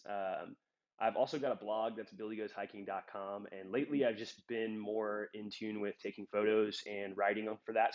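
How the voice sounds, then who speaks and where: A young man with a fairly low, slightly stuffed-up voice does casual gear talk to camera as a hiking vlogger in a trail town. Relaxed and rambling, he says um a lot, and the lo-fi sound comes from a phone on a trekking-pole clip.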